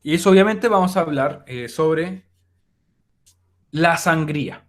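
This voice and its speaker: Man, teacher, fairly high voice, informal, filler-heavy. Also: unhurried. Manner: informal, addresses students directly, frequent fillers. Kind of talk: recorded online class explanation.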